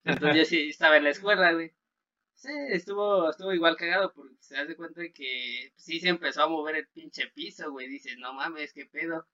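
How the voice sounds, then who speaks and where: A man's voice: a little high, a little fast, sharp tone. A young man with a Mexican Spanish accent chatting casually, laid-back and slangy, with many fillers. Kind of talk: casual chat. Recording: dull lo-fi sound.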